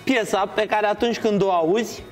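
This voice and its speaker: A woman's voice: medium pitch, soft background music. A woman hosting a talk show, teasing and probing her guests.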